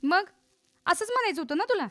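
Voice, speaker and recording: A woman's voice: very high voice, expressive, a little fast, a bit bright. An actress playing a worried, nagging village mother who frets over money and her son's schooling. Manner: fretful, nagging.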